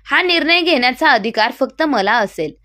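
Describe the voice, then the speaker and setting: A woman voicing a stubborn, angry young wife who speaks in a sharp, defiant way. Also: high-pitched, expressive, normal speed, no room sound, studio quality. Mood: indignant.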